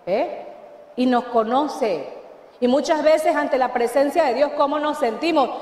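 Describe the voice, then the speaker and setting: A woman's voice: sits high, a little slow, darkish tone. A woman pastor with a Mexican Spanish accent, preaching a sermon and often asking the congregation questions. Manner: emphatic preaching with call-and-response questions. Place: church hall. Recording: echoey church hall, long reverb.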